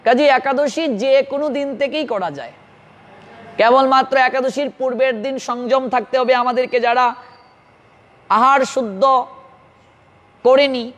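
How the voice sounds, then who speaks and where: A man's voice: very high-pitched, fairly bright tone. A man with a Bengali accent giving an earnest devotional sermon, instructing listeners directly. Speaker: preacher. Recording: long hall reverb.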